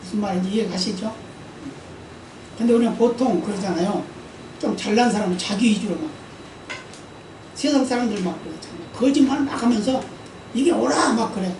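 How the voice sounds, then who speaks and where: A woman pastor with a medium-pitched voice preaches briskly but takes long pauses, keeping her sermon conversational. She often asks for an amen and acts out quoted speech. Recorded from a distance in a roomy church hall during a service, with background noise.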